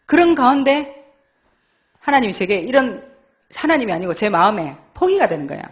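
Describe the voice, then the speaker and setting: A woman's voice: a little high, very animated, a little fast. A middle-aged woman with a Gyeongsang accent, a church elder telling an emotional personal testimony and acting out her own past thoughts. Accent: Gyeongsang Korean. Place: church sanctuary. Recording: dull lo-fi church recording.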